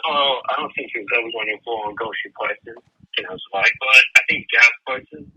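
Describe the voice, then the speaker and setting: A man's voice: mid-range voice, pushed and bright, a little hiss or hum. Young man on a glitching phone line. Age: 20s. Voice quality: muffled. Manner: hesitant, halting, many fillers. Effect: glitching, cutting-out phone audio. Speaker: caller. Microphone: phone call.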